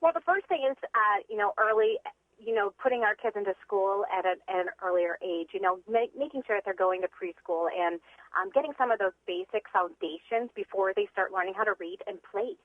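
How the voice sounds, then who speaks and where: A woman's voice: medium pitch, fairly quick, no echo. A woman reading tutor calling in to an interview, talking eagerly with frequent fillers. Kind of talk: phone-in interview. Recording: tinny phone line.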